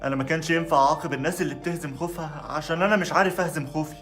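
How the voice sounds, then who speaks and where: A woman with an Egyptian accent voicing a fearful father who has not left his home in ten years, speaking slowly and gently. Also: deep voice, faint music behind, pitched below the performer's own voice. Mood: tender, anxious. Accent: Egyptian Arabic. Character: fearful middle-aged father, homebound for years.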